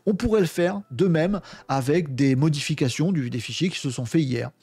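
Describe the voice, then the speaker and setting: A man's voice: on the high side, moderate pace, a little mellow, husky, no echo. A man presenting a casual screen-share tech tutorial, enthusiastic and slangy, acting out little imagined dialogues. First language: French. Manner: colloquial slang, many fillers.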